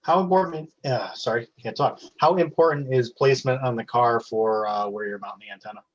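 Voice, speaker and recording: A man calling in over a two-way radio link to a ham radio net, halting and stumbling over his words. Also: mid-range voice, dull audio.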